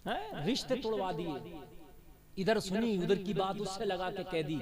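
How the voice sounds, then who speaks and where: A man with a very high voice delivers a sermon at a religious gathering. He drifts between quiet, conversational asides and loud, chanted stretches of storytelling. The noise of a large crowd carries behind him throughout. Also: lively intonation, moderate pace. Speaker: Islamic preacher.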